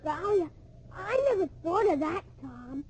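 Wide-eyed little kid boy, really high voice, naive and dreamy, old radio play. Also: expressive, unhurried, crowd noise. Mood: wistful, wondering. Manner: wondering, childlike exclamations. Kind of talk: old-time radio drama acting.

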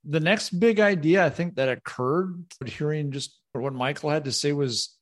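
A man's voice: fairly high pitch, moderate pace. A man talking conversationally as a podcast co-host. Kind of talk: conversational discussion.

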